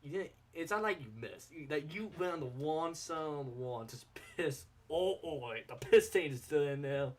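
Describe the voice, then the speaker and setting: A man voicing a stern male cinema staffer in a lowered, hushed, accusing tone. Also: expressive, moderate pace, few pauses.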